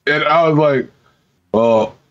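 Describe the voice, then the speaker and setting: A man's voice: mid-range voice, moderate pace. A man on a podcast telling a casual gaming story, swearing freely and acting out both sides of the conversation. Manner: animated, profane, laughing storyteller acting out dialogue. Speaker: podcast co-host. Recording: dull lo-fi podcast audio.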